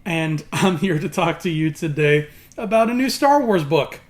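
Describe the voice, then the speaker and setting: A man's voice: on the high side, lively intonation, normal speed. A man hosting an opinionated video review in an emphatic, sarcastic, exasperated way, his words slightly mumbled as if he had marbles in his mouth. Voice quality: slightly slurred, marbles-in-mouth articulation from a swollen mouth. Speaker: YouTube host reviewing books.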